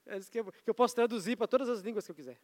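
Man, Brazilian Portuguese accent, pastor, conversational sermon, very high voice, long hall echo. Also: rapid-fire, darkish tone. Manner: conversational preaching with asides and audience prompts. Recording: long church-hall reverb.

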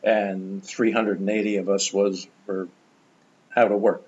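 An older man, a guest in an interview, telling stories in an animated, enthusiastic way. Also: lowish voice, unhurried, lo-fi sound. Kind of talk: conversational storytelling.

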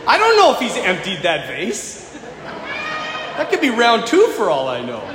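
A man, a priest, preaching a sermon in an animated way, with acted-out quotes and humor, in a church. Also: high voice, normal speed, noisy background. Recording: echoey church hall with faint ambience.

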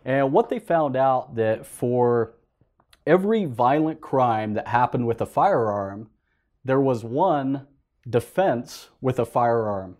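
A man on a casual panel, talking in a brisk, blunt, conversational way. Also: medium pitch, lively intonation, darkish tone. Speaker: panel co-host.

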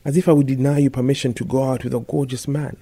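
A man voicing a defensive young woman nurse in an audiobook, raising his voice higher. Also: level tone, fast talker, warm tone, slightly rough. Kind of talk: audiobook dialogue.

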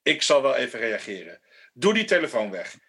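An actor playing a defiant, threatening autocratic head of state in a radio drama, speaking with contempt. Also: male voice, medium pitch, very animated, moderate pace, fairly bright tone, slightly rough, heavily acted. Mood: menacing. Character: aging male autocratic president, defiant and menacing.

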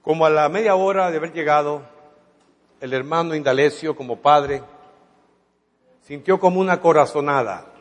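A man's voice: a little high, normal speed, pauses often. A male preacher dramatically retelling a story in a sermon, acting out the dialogue as he goes. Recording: long reverb of a hall.

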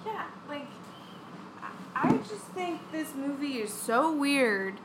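A woman's voice: high-pitched, very animated, slow, heavy background noise. A woman chatting casually while watching a movie, laughing often and trailing off with "I don't know.". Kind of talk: casual chat.

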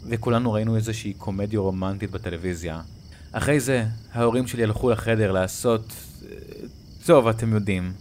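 A man's voice: lowish voice, a little hiss or hum. A young man telling a horror story in a casual, conversational way. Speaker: narrator. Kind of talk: scripted horror story narration. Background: faint music and crickets.

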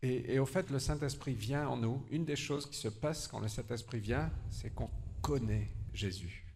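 A man preaching a sermon in short phrases, pausing for an interpreter, with an earnest, slightly halting delivery. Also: medium pitch, gravelly, darkish tone, a little hiss or hum.

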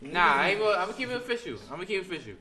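A man's voice: high-pitched, sing-song, rapid-fire, crowd noise. A man hosting a casual group chat, teasing in heavy slang and repeating his phrases. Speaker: podcast host. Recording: voices crowded around the mic.

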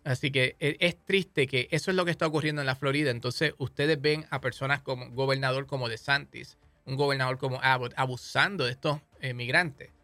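Impassioned Puerto Rican man, bright voice. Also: medium pitch, steady tone, fairly quick, few pauses, dry recording, soft background music. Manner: impassioned, rhetorical, scolding. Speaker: podcast host. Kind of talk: political commentary monologue.

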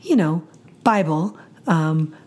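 A woman with a hoarse, raspy voice that is nearly gone, chatting casually and wryly as a pastor co-hosting a podcast. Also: sits low, slow pace, darkish tone. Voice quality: raspy, husky from voice loss.

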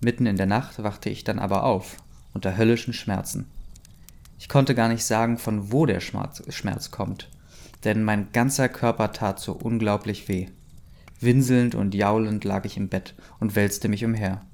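A man's voice: fairly low pitch, steady tone, normal speed, vocal fry, a little mellow. A man reading a story aloud, breaking off for dry, mocking asides. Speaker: reader of fan fiction.

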